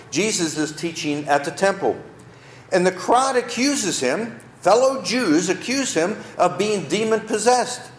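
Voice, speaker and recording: A man's voice: sits high, reverberant, slight background noise, rough recording. A man preaching a sermon as a pastor, emphatic and given to repeating and rephrasing his points.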